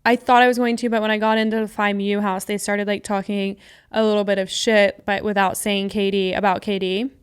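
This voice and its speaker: A woman's voice: mid-range voice, level tone, a little fast, smooth. A young woman co-hosting a podcast, telling rambling stories in casual chat and swearing freely. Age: young adult. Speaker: podcast co-host.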